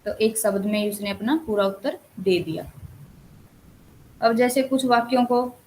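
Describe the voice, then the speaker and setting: A woman's voice: on the high side, unhurried, a little mellow, poor audio. A woman counsellor giving an online lesson, explaining points and reading out short examples. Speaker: counsellor teaching Hindi language. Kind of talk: online lecture.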